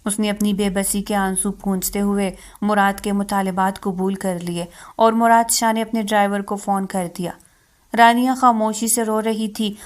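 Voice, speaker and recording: Woman narrating a romance novel. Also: mid-range voice.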